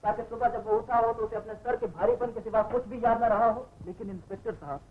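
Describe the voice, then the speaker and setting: A defiant young murder suspect. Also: male voice, sits high, brisk, husky. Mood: pleading. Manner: impassioned, argumentative. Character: young man accused of murder, defiant then pleading. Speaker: accused suspect. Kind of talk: 1950s film acting. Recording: dull old film soundtrack with faint hiss.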